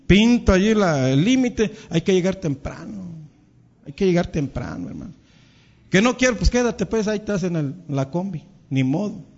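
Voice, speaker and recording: A man's voice: sits high, lively intonation, moderate pace, darkish tone, highs cut off. A male pastor with a Mexican Spanish accent preaching to his congregation, calling them brothers and acting out quarrels between spouses. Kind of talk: sermon.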